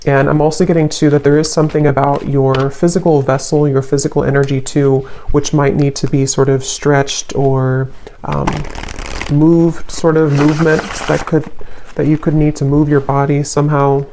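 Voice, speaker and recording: A tarot reader talks through a card spread in a mellow, warm tone. The delivery stays flat and even, unhurried, often pausing to search for the next word. Soft fillers drift in between the thoughts. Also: medium pitch, slight background noise. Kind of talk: tarot card reading to camera.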